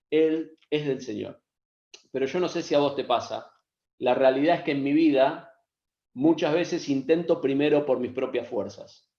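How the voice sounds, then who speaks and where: A man's voice: on the high side, darkish tone. A man with an Argentine Spanish accent preaching a sermon over a video call, earnest, repeating phrases for emphasis. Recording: echoey, dull lo-fi sound.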